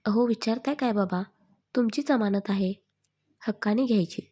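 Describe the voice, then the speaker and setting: A playful young man who can't stop teasing, read by a woman storyteller. The voice stays low, mellow and a little breathy, cheeky rather than loud, in a family storybook told aloud. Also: normal speed, natural voice. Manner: cheeky, joking.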